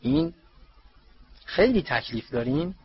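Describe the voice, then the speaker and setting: A man's voice: fairly high pitch, big pitch swings, breathy edge, muffled recording, pitched above the performer's own voice, heavily acted. A man voicing a cheerful, know-it-all schoolgirl in a slightly raised voice.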